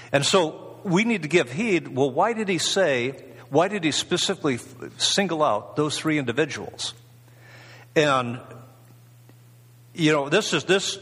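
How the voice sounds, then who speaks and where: Husky man preaching, rambling and conversational. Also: mid-range voice, a bit bright, long reverb tail. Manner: rambling, conversational, many fillers and restarts. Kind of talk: informal sermon.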